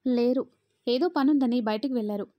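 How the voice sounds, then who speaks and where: A woman's voice: fairly high pitch, moderate pace, lo-fi sound, natural voice. A woman voicing a polite household helper. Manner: respectful, motherly.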